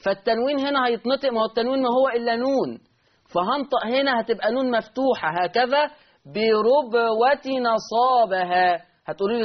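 Man, Egyptian accent, high voice, recitation teacher, repeats terms, dull lo-fi sound. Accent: Egyptian Arabic. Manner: repeats key terms, asks and answers his own questions. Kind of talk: online tajweed lesson.

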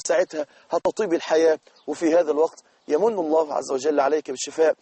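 Egyptian male preacher, high-pitched and fast, earnest exhorting delivery. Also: warm tone, slightly rough, dry recording. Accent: Egyptian Arabic. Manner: earnest, exhorting, addresses listener directly. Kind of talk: sermon.

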